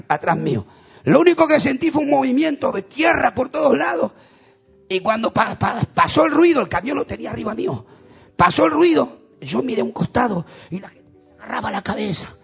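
A man with an Argentine accent preaching a sermon, telling stories dramatically and swinging between loud and quiet. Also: high-pitched, vocal fry, husky, muffled recording. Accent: Argentine Spanish. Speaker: pastor.

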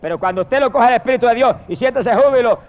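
A man preaching a fiery sermon, swinging from shouted hallelujahs to low murmured praise. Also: fast. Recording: dull lo-fi recording.

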